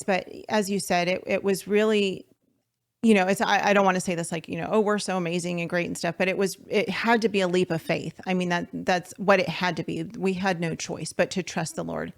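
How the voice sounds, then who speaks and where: A woman's voice: lowish voice, steady tone, moderate pace, vocal fry. Earnest woman telling her story. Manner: earnest storytelling with frequent fillers. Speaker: guest. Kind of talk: faith-based podcast interview.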